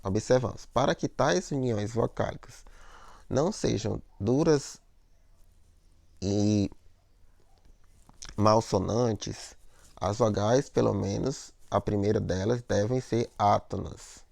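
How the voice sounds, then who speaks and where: A man's voice: lowish voice, slow pace, creaky, pauses often, darkish tone, no echo. A man teaching a lesson on poetic meter, explaining step by step, repeating words, and checking in with "né?" and "ó".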